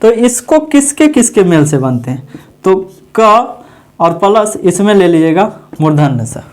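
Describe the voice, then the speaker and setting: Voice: medium pitch, big pitch swings, a little slow, darkish tone. A grammar teacher at a board, asking the class questions and answering them, repeating each term several times. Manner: repeats key sounds and terms several times. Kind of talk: exam-prep grammar lesson at a board. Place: teaching room with a writing board.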